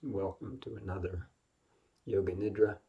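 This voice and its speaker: A man teaches a guided yoga nidra meditation, speaking gently and unhurriedly with long pauses. His husky, breathy, gravelly voice is low-pitched and steady, with the highs cut off.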